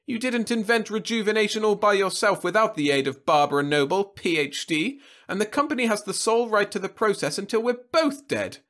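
A man voicing a haughty, sharp-tongued old woman scientist who talks in a scornful, snappish way. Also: high voice, wildly swooping pitch, moderate pace, few pauses, breathy edge, voice pushed up, full character voice. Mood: snapping.

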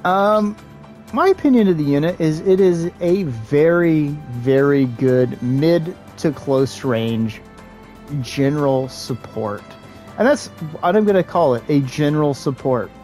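A man hosting his gaming channel, giving relaxed, casual gameplay commentary with joking asides and the odd filler pause. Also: on the high side, faint music behind.

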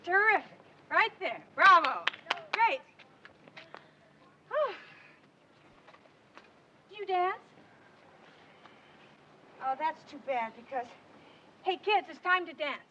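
A woman's voice: very high voice, lively intonation, bright, forceful tone, lo-fi sound, slight background noise, exaggerated voice. An actress playing a restless, eager mother who coaxes children in a gushing, scattered way, from a 1970s film soundtrack. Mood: coaxing. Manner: gushing, rapid, coaxing, scattered. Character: restless eager young mother hosting kids.

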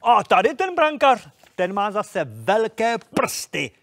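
A man's voice: high-pitched, big pitch swings, fairly bright tone, a little hiss or hum. A man hosting a children's TV show, talking playfully with childlike enthusiasm. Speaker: children's TV host. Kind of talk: children's TV presenting.

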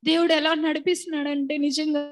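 A woman's voice: high-pitched, level tone, fairly quick. A middle-aged woman giving an earnest, tearful spoken testimony as a widow at church.

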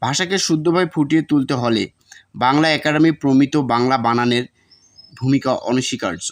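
A man's voice: medium pitch, fairly quick. A man teaching, reading out exam notes and repeating example words to show their pronunciation.

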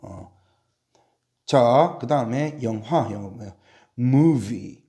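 A man's voice: medium pitch, lively intonation, slow, warm tone. A man teaching English spelling in a classroom drill, spelling out letters one by one and asking and answering his own questions.

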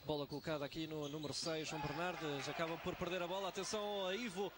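A high-voiced man with a European Portuguese accent calls a futsal match live. His delivery is excitable, built for big plays. Loud sports hall ambience and bouncing balls sit behind him. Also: fast, noisy background. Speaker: play-by-play futsal commentator. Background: sports hall ambience, bouncing ball.

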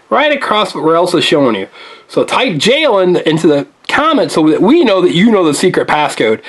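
A woman hosting a family toy channel and wrapping up the video for young viewers in an upbeat, coaxing tone. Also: mid-range voice. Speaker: channel host, parent. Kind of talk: casual outro to young viewers.

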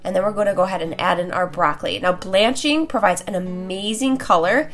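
A woman's voice: mid-range voice, brisk. A young woman with a congested, honking nasal voice and sore throat, chattily and playfully hosting a casual recipe tutorial. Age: young adult. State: stuffed nose and sore throat. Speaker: cooking video host. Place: home kitchen, indoors. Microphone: lapel mic. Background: music.

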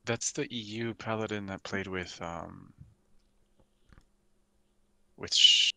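A man's voice: on the low side, steady tone, slow, gravelly, bright, forceful tone, clean tone, no echo. A man streaming an online game and chatting with friends, easygoing and teasing. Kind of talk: casual gaming chat with friends.

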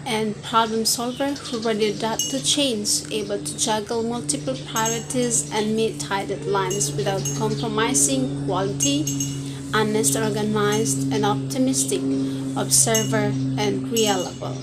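Loud music plays behind a young Indonesian woman in her twenties as she introduces herself for a video CV, her voice on the high side, steady and unhurried. A student looking for work, she speaks with an Indonesian accent in a rehearsed, list-like way, recorded by lapel mic in an open-air wooden pavilion.

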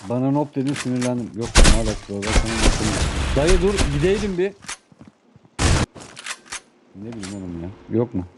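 Excited young man over game gunfire. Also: mid-range voice, normal speed, long pauses, very noisy. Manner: excited, urging and bossing teammates. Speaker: gaming YouTuber. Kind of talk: live game commentary with teammates.

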